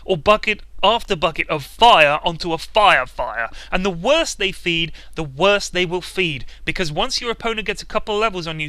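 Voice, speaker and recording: Brief: male comic commentator, very bright tone, slightly high, sarcastic rant, dry close mic. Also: dry recording. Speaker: video commentator. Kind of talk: comedic game commentary.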